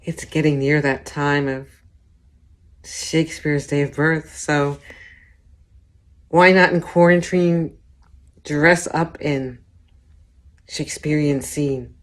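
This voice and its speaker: A woman with a low-pitched voice performs a comic monologue in verse. Her pace is slow and deliberate. The delivery is theatrical, swinging between hushed tones and bold exclamation. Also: steady tone. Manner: dramatic delivery, shifting between hushed whispers and loud exclamations.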